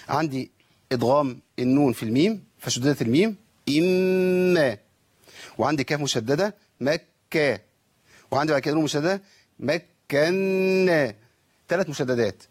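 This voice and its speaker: A man's voice: mid-range voice, husky, no room sound. A man with an Egyptian accent teaching Quran recitation, asking questions and answering them himself. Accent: Egyptian Arabic. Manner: asks and answers his own questions, models pronunciations. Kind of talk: tajweed lesson with recited examples.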